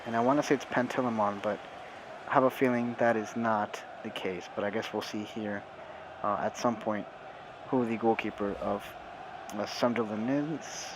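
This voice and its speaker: A man's voice: medium pitch, low-quality recording. A young man giving casual commentary on his football video game career, chatty and full of small restarts. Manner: chatty, many filler ums and restarts. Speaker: gaming YouTuber.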